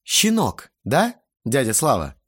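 A man's voice: mid-range voice, wildly swooping pitch, slow, husky, heavily acted. A man voicing an insolent teenage boy who talks with sugary sarcasm, in an audiobook. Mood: mocking. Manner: sarcastic, mockingly sweet.

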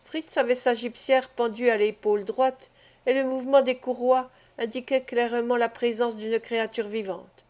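A woman narrating a classic adventure novel as an audiobook reader, measured and even. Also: fairly high pitch. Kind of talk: scripted narration.

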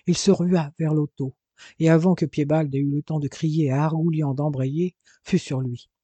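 A man reading an adventure novel aloud as an audiobook narrator, with a lively, dramatic delivery. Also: a little high, moderate pace, no room sound.

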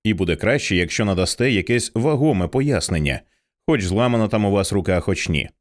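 Casting: man doing a hurt, gruff, sarcastic man in an audiobook, low voice. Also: lively intonation, a little fast, natural voice. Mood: pained sarcasm. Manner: sardonic, clipped.

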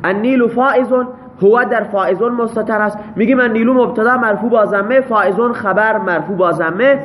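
A man leads a classroom grammar lesson, breaking each example sentence into its parts and checking with students as he goes. His voice sits high for a man, and he pauses on thinking fillers while working things out aloud. A faint background noise runs under the talk. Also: a bit bright. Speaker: teacher.

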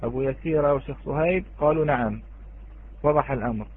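A man's voice: medium pitch, quick pace, breathy edge. A man teaching an online Quran recitation lesson, patiently quizzing students and chanting the example words. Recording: tinny phone-like online audio.

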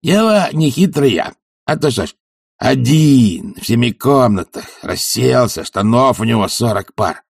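A man voicing a crude, boorish young man who was once a dog, with a coarse, gravelly manner in an audiobook. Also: medium pitch, big pitch swings, measured pace, no echo, clean studio sound, pitched above the performer's own voice, exaggerated voice. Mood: grumbling. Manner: coarse, sulky, grumbling. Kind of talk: audiobook character voice.

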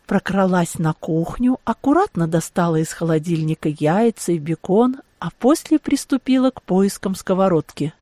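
A woman reading a first-person audiobook in a lively, ironic storytelling manner. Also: mid-range voice, dry recording, studio quality. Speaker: audiobook narrator.

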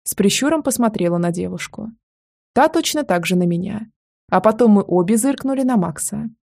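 A woman narrating a novel in the first person with a lively, expressive reading. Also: mid-range voice, a little fast. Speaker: audiobook narrator.

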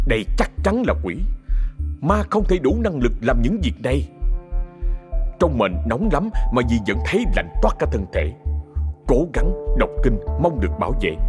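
A man narrating a ghost story with dramatic storytelling. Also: mid-range voice.

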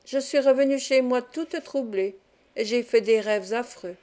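Anxious pious young woman, pleading; a woman reader voices her. Audiobook, soft mellow tone. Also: a little high, measured pace, lightly acted. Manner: worried, pleading. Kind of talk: audiobook reading.

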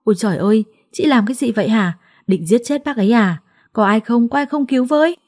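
A woman voicing a scornful, shrill young female rival. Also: fairly quick, warm tone, no room sound, studio quality, natural voice. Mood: alarmed.

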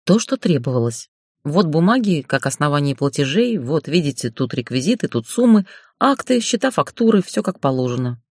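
A young female accountant in an audiobook, as the narrator plays her, with a lively, rising and falling voice. The recording is dry and close. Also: mid-range voice, normal speed, breathy edge, no echo. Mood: pleading. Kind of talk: audiobook character voice.

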